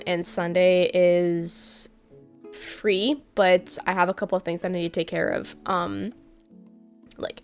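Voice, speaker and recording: Rambling young woman streamer. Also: medium pitch. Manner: rambling, with many ums and restarts. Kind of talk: casual live-stream chat. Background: soft game music.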